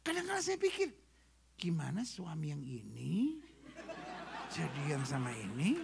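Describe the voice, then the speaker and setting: A pastor preaching a lively sermon, swinging from shouts to soft joking asides and dropping in English phrases. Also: male voice, fairly high pitch, unhurried, vocal fry, slight background noise. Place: retreat meeting room.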